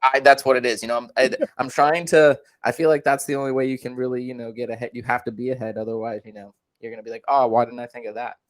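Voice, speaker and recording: A man's voice: medium pitch, little pitch movement, quick pace, few pauses. A young man hosting a podcast, talking eagerly and rambling with frequent fillers and restarts. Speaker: podcast host. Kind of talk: casual interview chat.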